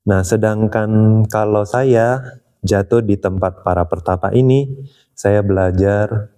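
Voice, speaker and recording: A man's voice: fairly low pitch, steady tone, slow pace, dark tone. A man retelling a religious tale in a casual, chatty way, often tagging his sentences and chuckling.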